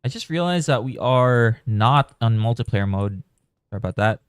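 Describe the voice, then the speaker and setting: A man's voice: medium pitch, animated, moderate pace, smooth, no echo, studio quality. A man from the Philippines giving casual, rambling commentary while live-streaming a game. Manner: chatty, rambling, thinking aloud.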